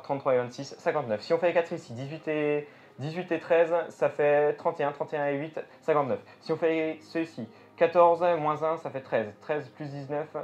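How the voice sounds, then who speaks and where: Fairly high-pitched and a little mellow, a man from France performs as a stage magician. His live patter mixes thinking aloud with remarks to the audience. Music accompanies a dull, lo-fi recording.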